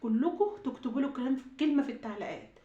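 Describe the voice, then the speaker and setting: A woman's voice: high-pitched, rapid-fire, roomy sound, narrow, tinny audio. A woman with an Egyptian Arabic accent tells a personal story to her viewers. She sounds upset and choked up, pleads, and repeats herself. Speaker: YouTube vlogger. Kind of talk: emotional storytime vlog.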